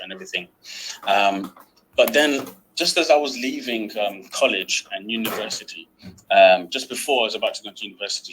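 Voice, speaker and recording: A man's voice: on the low side, a bit bright, slight background noise, rough recording. A man presenting as a guest trading trainer on an online webinar, chatty with many fillers. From United Kingdom.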